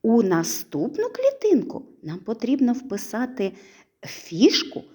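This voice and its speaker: A woman teaching preschoolers a literacy lesson, stretching out syllables in a sing-song, slow and clear way. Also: medium pitch, dark tone.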